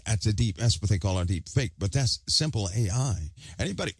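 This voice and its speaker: Man, very low voice, preaching, emphatic, repeats phrases, object in his mouth, dry close sound. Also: no echo. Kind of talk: online sermon.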